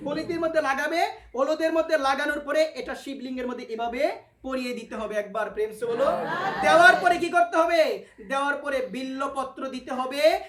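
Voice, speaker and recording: A man with a notably high voice delivers a devotional sermon, putting questions to the listeners and answering them, repeating key words and breaking into chanted mantras. His voice rings through a roomy, echoing space. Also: fairly bright tone. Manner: chants mantras and the holy names. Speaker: devotional preacher. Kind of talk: devotional sermon with call-and-response. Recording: echoey hall sound.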